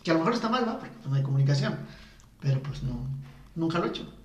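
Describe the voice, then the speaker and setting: A Mexican man talks candidly in a loose, slangy way, laughing often. His voice sits a bit high for a man. It sounds roomy and a little away from the mic. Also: sing-song, fast, a little mellow, recorded from a distance, highs cut off. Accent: Mexican Spanish. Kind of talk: casual chat. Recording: echoey room, a bit off-mic.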